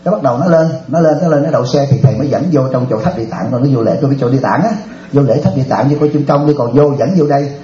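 Fast-talking monk. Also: male voice, mid-range voice, echoey room, lo-fi sound, soft background music. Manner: animated storyteller, often laughing, addresses listeners directly. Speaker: Buddhist monk. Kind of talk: anecdotal dharma talk to an audience.

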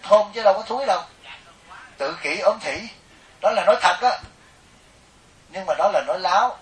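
A middle-aged Southern Vietnamese monk preaching with a lively, jokey storyteller's manner, his voice sitting high for a man. He is heard from a distance, and the sound rings around a roomy, echoing hall. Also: normal speed. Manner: animated, jokey, acts out quoted people. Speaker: Buddhist monk giving a dharma talk. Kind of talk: storytelling sermon to a live audience. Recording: echoey hall, mic at a distance.

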